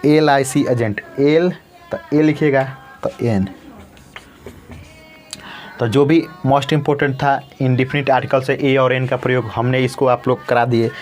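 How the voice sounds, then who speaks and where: A man's voice: medium pitch, steady tone, a little mellow, soft background music. A male teacher giving a grammar lesson, saying each word several times and answering his own questions as he goes. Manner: repeats words slowly, asks and answers own questions.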